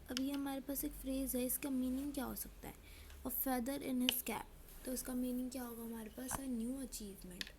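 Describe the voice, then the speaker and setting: A woman teaching a lesson, asking and answering her own questions and reading examples slowly. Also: high-pitched, background noise. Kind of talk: classroom lesson.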